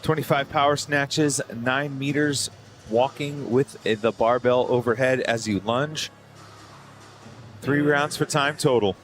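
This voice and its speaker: A man's voice: mid-range voice, a little slow, over music. A man giving conversational live sports analysis as a co-commentator, often repeating words as he gets going.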